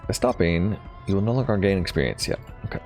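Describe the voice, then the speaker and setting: A man's voice: sits low, lively intonation, fast, a little mellow, soft background music. A man casually thinking aloud while playing a strategy game, with lots of ums and hesitations. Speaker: gaming channel host. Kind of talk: casual let's play commentary.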